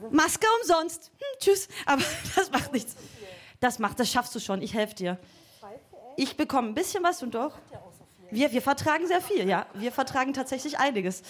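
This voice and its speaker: Woman from bulgaria, stage host, bubbly, playful, laughing, very high voice. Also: big pitch swings, normal speed. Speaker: show host. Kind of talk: casual stage chat.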